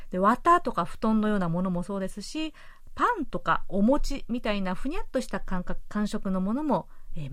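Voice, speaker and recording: Woman radio host, friendly and patient explainer, bright-pitched, very animated delivery, close dry studio mic. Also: no room sound. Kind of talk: radio show, explaining words.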